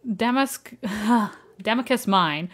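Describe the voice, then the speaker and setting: A woman's voice: mid-range voice, animated, slow pace, a bit bright. Woman doing a friendly old blacksmith guy, vague put-on accent, formal, voice bouncing around a lot. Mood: earnest. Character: kindly older male village blacksmith. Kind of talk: reading game dialogue aloud.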